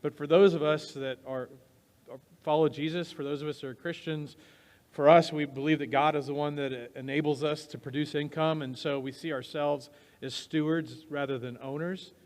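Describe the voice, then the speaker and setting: A man's voice: fairly high pitch, fairly even intonation, normal speed, a little mellow. A man, a pastor addressing a congregation informally in a conversational, encouraging way. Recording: long hall reverb.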